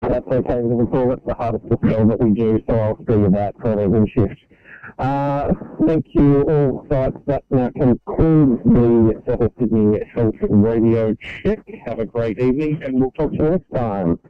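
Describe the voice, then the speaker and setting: A man's voice: mid-range voice, normal speed, clean tone, dry recording. A man working as a radio check operator, speaking in procedural two-way radio exchanges over a narrow, tinny transmission.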